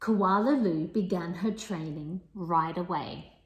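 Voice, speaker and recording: A woman reading a picture book aloud to young children, playful and expressive, with sing-song rhymes and the odd whisper. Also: lowish voice, slow pace. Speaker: children's storyteller and teacher. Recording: echoey room.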